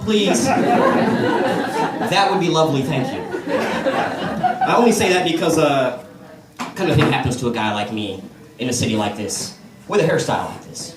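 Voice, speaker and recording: On a comedy club stage, an American stand-up comedian with a voice on the high side works an open-mic crowd with relaxed storytelling. The audio is roomy and distant, with background noise and the audience laughing.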